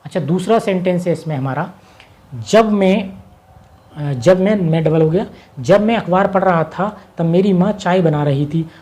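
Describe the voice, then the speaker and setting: A woman gives an English grammar lesson in Hindi in a mellow, fairly low voice. She keeps asking herself a question and answering it. Each English example comes out slowly, word by word, as if for dictation. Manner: slows right down to dictate English sentences word by word. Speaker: English teacher.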